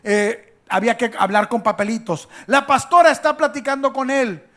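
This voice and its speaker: A pastor with a strong, high-pitched voice delivers his sermon. He moves between quiet, joking asides and loud, emphatic calls to the congregation. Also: moderate pace.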